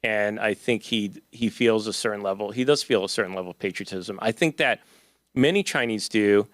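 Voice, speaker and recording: Speaking at normal speed in a voice on the low side, a male author answers questions from the audience at a book talk. His replies are loose and conversational, peppered with fillers and restarts. The setting is an event hall, though the audio is studio quality with no echo.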